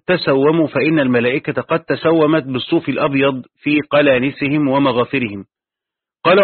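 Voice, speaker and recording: A man's voice: mid-range voice, slightly rough, no room sound. A man teaching Quran commentary, reading from a tafsir text and adding his own explanations. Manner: reads the text aloud, then adds his own explanations. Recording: tinny phone-like lo-fi recording.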